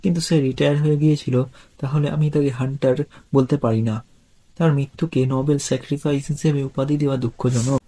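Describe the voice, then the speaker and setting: A grave chairman, as a male narrator reads him, spoken quietly and in a subdued way. The voice is mellow and level, with almost no melody. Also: mid-range voice, steady tone, a little fast, lightly acted. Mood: somber.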